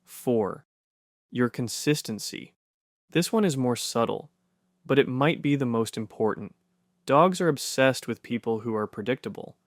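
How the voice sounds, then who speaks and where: A man giving scripted narration for an explainer video, punchy and conversational with quick rhetorical questions. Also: medium pitch, expressive, no echo, studio quality.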